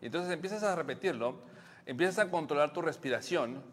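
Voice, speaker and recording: A man's voice: a little high, a little fast. Mexican man co-hosting a casual podcast. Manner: explains at length, laughs often. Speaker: podcast co-host.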